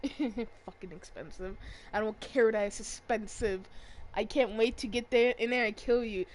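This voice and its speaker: A woman's voice: on the high side, steady tone, normal speed, a little hiss or hum. A young woman casually commenting on a game she plays, sarcastic and profane, talking back to the characters. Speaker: gaming streamer. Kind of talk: casual let's-play commentary.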